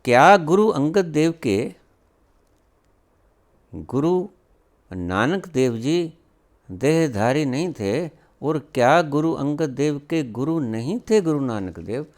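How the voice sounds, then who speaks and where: Man, spiritual teacher, slow deliberate delivery, lively rising and falling pitch, rhetorical questions, scolding tone. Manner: slow with long pauses. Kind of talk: spiritual discourse.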